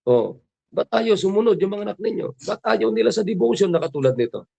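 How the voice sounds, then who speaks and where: A Filipino pastor delivering a morning devotion, a man whose voice sits a little high and carries a gravelly edge. He presses his flock with repeated questions and drops into English to quote scripture. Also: sing-song, fairly quick, warm tone. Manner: preaching with rhetorical questions, switching into English for scripture.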